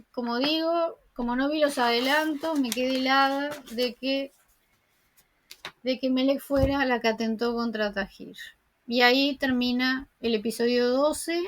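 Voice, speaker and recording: Woman, high voice; casual chatty recapper who strings the story along. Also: a bit bright, a little hiss or hum. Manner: chatty plot retelling, strings lines together with "entonces" and "o sea". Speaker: TV series recap creator.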